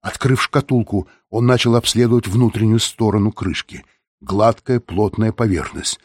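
A man narrating a novel in an audiobook with measured, steady storytelling. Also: lowish voice, dry recording, clean studio sound.

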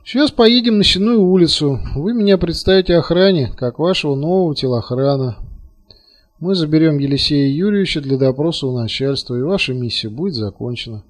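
A man's voice: a little high, animated, a little fast. A man voicing a cold, menacing male operative who issues threats and commands.

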